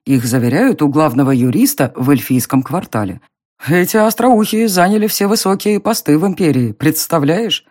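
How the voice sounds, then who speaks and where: A narrator playing a smug young nobleman who mocks and teases in an audiobook reading, with a slow, drawling, low delivery. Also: lively intonation, a little mellow. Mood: mocking.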